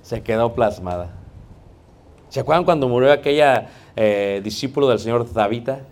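This Mexican-accented preacher has a darkish, medium-pitched voice and moves at a moderate pace. His sermon is casual and humorous, and he regularly addresses the congregation as brothers.

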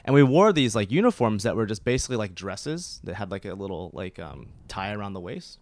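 A man's voice: fairly low pitch, big pitch swings, fairly quick, darkish tone. A man in his thirties from Oklahoma, talking as a podcast guest in a rambling way, with lots of fillers and restarts. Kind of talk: casual conversational interview.

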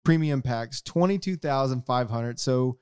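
A man's voice: mid-range voice, measured pace, a little mellow, smooth, no room sound, studio quality. A man hosting a collectors' podcast, joking and rambling in a casual chat. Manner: jokey, rambling, self-mocking. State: tired from no sleep. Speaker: podcast host.

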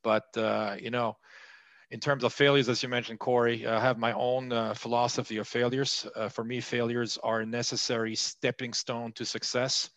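A man from France in his late forties, a guest telling his business story in a relaxed, steady way with lots of "uh" fillers over a remote call. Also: medium pitch, moderate pace, no echo. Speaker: podcast guest, startup founder. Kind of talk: interview storytelling.

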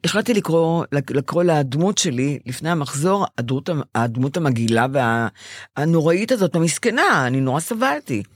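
An older woman co-hosting a chat show, telling a long personal story in a lively way and acting out what she said back then. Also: low voice, slightly rough, no room sound, studio quality. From Israel. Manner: animated storytelling, acts out her own past quotes. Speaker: podcast co-host. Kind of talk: casual chat.

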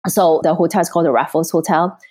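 Lady guest with a cold, lowish voice, chatty, laughs a lot. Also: fairly even intonation, fast, a little mellow. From Singapore. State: has a cold. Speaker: guest, event planner. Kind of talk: casual interview chat.

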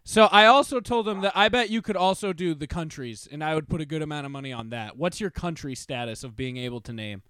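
A man's voice: on the high side, animated, quick pace, hardly any pauses, fairly bright tone, smooth, dry recording. A man co-hosting a podcast, teasing his friends in casual chat and laughing often. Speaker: podcast co-host.

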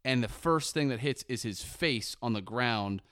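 A man's voice: medium pitch, unhurried, fairly bright tone. A man co-hosting a podcast, retelling a video playfully in casual chat. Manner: playful storyteller, swears casually. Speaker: podcast co-host.

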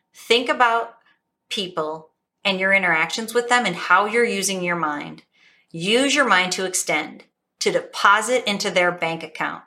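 Bright, energetic woman motivational coach. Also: medium pitch. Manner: energetic, emphatic, animated storytelling. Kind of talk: motivational talk.

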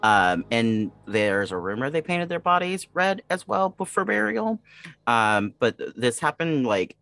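A man's voice: mid-range voice, very animated, unhurried, vocal fry, pushed and bright, no room sound. A man co-hosting a casual podcast, rambling with lots of fillers and restarts. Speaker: podcast co-host. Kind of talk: casual chat.

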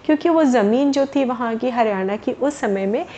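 A woman's voice: on the high side, moderate pace, mellow, slight background noise. A woman storyteller narrating a tale to children, explaining words as she goes and addressing them directly.

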